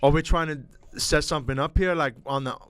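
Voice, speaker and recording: A man with a Brooklyn accent hosts a sports talk show, asking eager questions and tripping over his first words. His voice comes through smooth and clear, with a dry, close sound that has no room echo. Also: on the high side, fairly quick, a bit bright. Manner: eager questioner, stammers when starting a line. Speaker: host. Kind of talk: casual sports chat. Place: studio.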